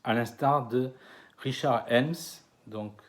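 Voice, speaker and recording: A man from France giving a conference lecture, hesitant with many fillers and restarts, slowing down over names. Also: medium pitch. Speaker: conference speaker. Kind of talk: lecture to an audience. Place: conference hall.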